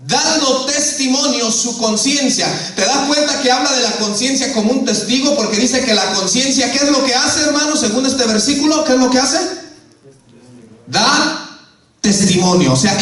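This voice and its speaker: High-voiced male pastor preaching in echo. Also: a bit bright. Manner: preaching, keeps calling the listener "hermano"; asks the congregation questions and acts out quoted voices. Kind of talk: sermon. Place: church. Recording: echoey church hall, mic far off.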